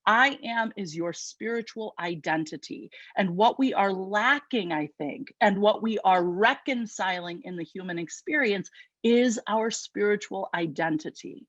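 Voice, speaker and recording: A woman with a Chicago accent delivers an inspirational sermon in a lively, conversational way. She talks at a middle pitch, full of quick asides. The sound is dull and dry, as if streamed over a video call. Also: dry recording. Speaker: guest speaker at an online spiritual service.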